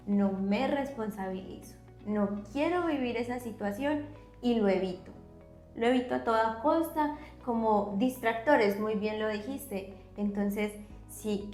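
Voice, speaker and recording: A woman psychologist explaining concepts on a podcast, teacherly, often checking in with a quick question. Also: mid-range voice, darkish tone, reverberant. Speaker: psychologist guest.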